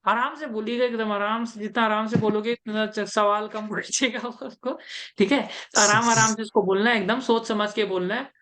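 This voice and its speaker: Chatty higher-voiced woman coach. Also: fairly even intonation, normal speed, fairly bright tone. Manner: chatty, repetitive reassurance, mixes English terms into speech. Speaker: interview coach. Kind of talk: casual coaching talk.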